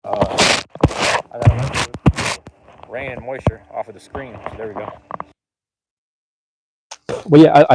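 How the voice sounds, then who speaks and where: A man with a medium-pitched, slightly mellow voice streams live from outdoors in light rain, chatting with viewers on his phone camera. The audio is poor with slight background noise, and his talk is laid-back, slangy, rambling, and repetitive.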